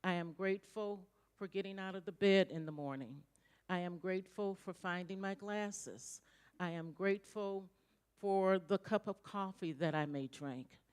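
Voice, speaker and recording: A woman leading a slow, calm gratitude prayer in a church, repeating her thanks line by line. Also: medium pitch, clear, resonant tone. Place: church sanctuary.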